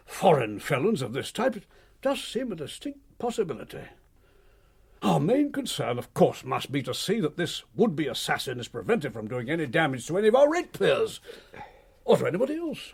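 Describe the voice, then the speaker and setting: An actor playing a pompous, fussy English chief constable in a radio drama, hesitant and long-winded. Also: male voice, medium pitch, gravelly, breathy edge, heavily acted. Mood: hesitant, grave.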